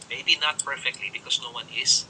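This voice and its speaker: A man's voice: medium pitch, steady tone, a little fast, bright, forceful tone, slight background noise, low-quality recording. A man with a Filipino accent hosting a live online interview, switching between English and Filipino in an encouraging tone. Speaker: host.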